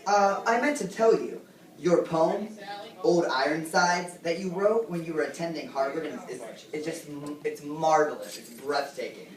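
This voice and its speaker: A woman's voice: deep voice, moderate pace, a crowd in the background, natural voice. A teenage girl playing a showy talk-show host who gushes and fawns over her guests. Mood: gushing. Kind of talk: amateur talk-show skit. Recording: echoey room, distant mic, faint noise.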